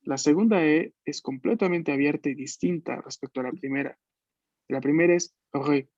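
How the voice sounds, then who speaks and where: Guy teaching french online, kinda high voice, patient, sounds slow and careful on the french bits, dull dry call audio. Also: a little mellow, dry recording. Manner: patient, explains slowly, models French words at a deliberate pace. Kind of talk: online language class. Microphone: video call.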